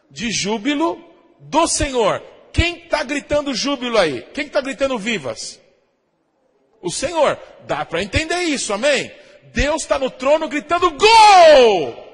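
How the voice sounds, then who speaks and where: A Brazilian pastor preaching a sermon, often asking the congregation "amém?" and imitating shofar blasts. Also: male voice, very high voice, a bit bright, breathy edge, big-room sound. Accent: Brazilian Portuguese.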